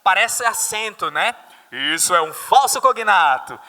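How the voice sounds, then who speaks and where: A man's voice: sits high, big pitch swings, unhurried, sharp tone. A Brazilian man teaching an English exam-prep class, mixing English phrases into Portuguese and quizzing his students. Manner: mixes English phrases into Portuguese explanation, asks students questions. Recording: reverberant hall.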